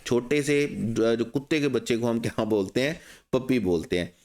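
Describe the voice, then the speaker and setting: A man's voice: medium pitch, darkish tone. Man teaching, rhetorical questions. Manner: asks rhetorical questions and answers them himself; reads English test sentences slowly and deliberately. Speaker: English teacher. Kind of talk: exam-prep lesson explaining test questions.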